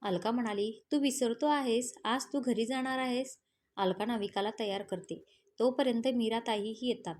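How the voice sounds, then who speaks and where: A woman's voice: mid-range voice, a little mellow. A woman reading a romance story aloud as narrator, giving the characters' lines with only light changes of voice.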